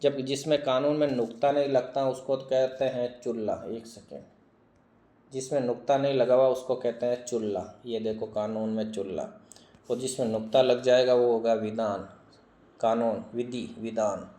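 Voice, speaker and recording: A man teaching Hindi spelling, reading word after word slowly, repeating each one and asking questions he answers himself. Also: mid-range voice, steady tone, dark tone, echoey room. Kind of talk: online exam-prep lesson.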